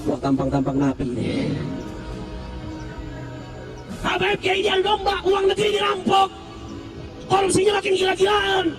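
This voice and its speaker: A fiery, high-pitched man, recovering from flu, preaches an open-air sermon, shouting and trading call-and-response with the crowd. His delivery is sing-song and measured, with frequent pauses. A distant mic catches him with music behind.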